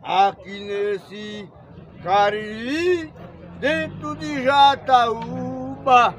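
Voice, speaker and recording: A man from Northeast Brazil, a cowboy, reciting rhyming verse in a half-sung, drawn-out way in an outdoor cattle pen. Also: extremely high pitch. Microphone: handheld camera close by. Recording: busy crowd around outdoors.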